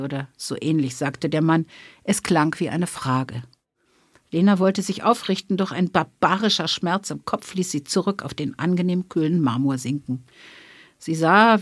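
A woman author reading her own crime novel aloud with lively, expressive narration. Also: low-pitched, breathy edge, no echo, clean studio sound. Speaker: author and guest.

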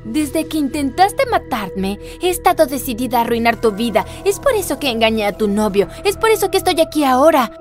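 A woman voicing a scheming evil twin girl in an animated story, speaking low and taunting. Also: brisk, few pauses, faint music behind.

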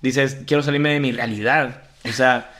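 A man's voice: medium pitch, fairly even intonation, normal speed, a bit bright. A man hosting a casual podcast chat, teasing and rambling with restarts. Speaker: podcast host.

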